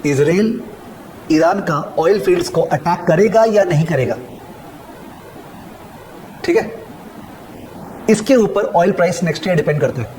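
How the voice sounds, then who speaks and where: A middle-aged man lectures on finance with a fairly high voice. He is emphatic and keeps repeating key phrases, dictating them slowly for students to copy down. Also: animated, a little mellow, a little hiss or hum, low-quality recording. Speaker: finance teacher. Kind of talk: classroom lecture mixing Hindi and English.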